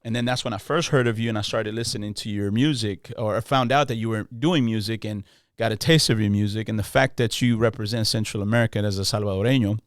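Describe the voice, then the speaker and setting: A man's voice: lowish voice, fast talker, no room sound, clean studio sound. A man hosting a podcast, talking casually in slang and often restarting his phrases. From Los Angeles. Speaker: podcast host. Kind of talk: casual interview chat.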